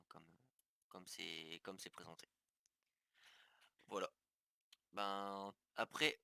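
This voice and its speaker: A man's voice: fairly low pitch, sharp tone, dry recording, studio quality. A man giving a casual game tutorial, walking viewers through settings step by step with many fillers and restarts. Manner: talks viewers through steps on screen. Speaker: gaming tutorial youtuber. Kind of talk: casual screen-recorded tutorial.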